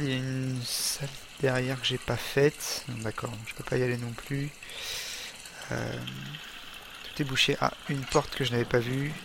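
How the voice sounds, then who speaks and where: Casting: man, mid-pitched voice, halting let's-play commentator, faint hiss behind. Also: fairly bright tone. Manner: hesitant, halting, many fillers and restarts. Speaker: gamer.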